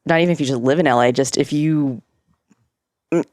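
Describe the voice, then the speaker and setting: A woman's voice: low-pitched, a little fast, a little mellow, no echo, clean studio sound. A woman co-hosting a podcast who chats casually and hedges a lot, full of "like" and "I think". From California. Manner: chatty, hedging, lots of "like" and "I think". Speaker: podcast co-host. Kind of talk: casual chat.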